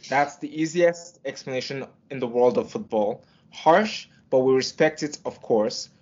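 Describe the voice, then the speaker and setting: A man's voice: medium pitch, moderate pace, darkish tone. A man in a laid-back football debate who turns wry and argumentative, often cutting in. His voice sounds dull and lo-fi.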